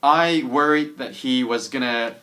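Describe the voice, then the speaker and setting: A man's voice: medium pitch, measured pace, sharp tone. A man co-hosting a casual podcast chat, rambling and hesitant, with many fillers. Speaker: co-host. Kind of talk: casual chat about a TV trailer.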